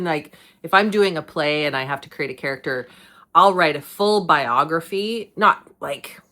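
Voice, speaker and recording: A woman's voice: on the low side, fairly bright tone. A middle-aged woman hosting a podcast, talking casually about acting, often laughing and drifting off on tangents. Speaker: podcast host. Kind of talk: casual monologue.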